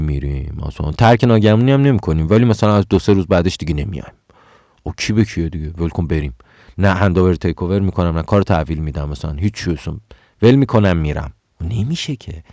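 Very deep-voiced man ranting about work. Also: warm tone, no echo. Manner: heated, exclaims and rises in pitch when indignant; many stammers and self-corrections. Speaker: speaker giving career advice. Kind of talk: casual advice monologue.

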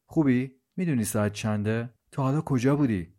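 Narrator doing a tense worn-out husband, asking questions, bit higher voice, audio story. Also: male voice, mellow, close to an everyday voice. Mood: uneasy. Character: anxious man waiting at night.

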